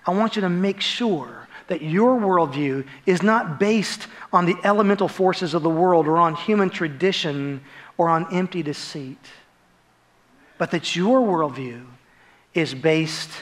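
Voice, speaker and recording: In a high-pitched, slightly bright voice, an American pastor in his forties preaches on stage in a big, dark church auditorium. He keeps it conversational and emphatic, often tagging his points with short questions.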